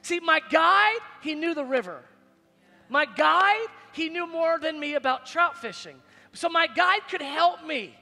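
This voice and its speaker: Animated preaching man on stage. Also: measured pace, gravelly. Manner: animated, preaching with big swings in loudness and pitch. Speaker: pastor. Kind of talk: sermon. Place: large stage in a church hall. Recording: long hall reverb, faint music behind.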